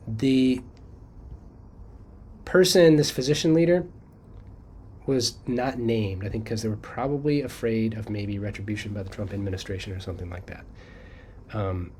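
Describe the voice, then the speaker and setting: A man's voice: fairly low pitch, a little mellow, slight background noise. A man teaching college students how to quote sources, talking conversationally and checking in often with "okay?". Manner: thinks aloud with fillers and restarts. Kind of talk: casual screen-share lecture.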